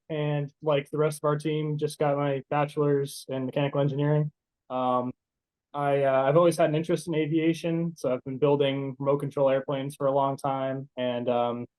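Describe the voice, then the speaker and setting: A young man in his twenties speaks in a flat, steady tone. He is an engineering graduate answering interview questions casually, with plenty of hesitant fillers. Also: on the high side, poor audio. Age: 20s. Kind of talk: interview guest.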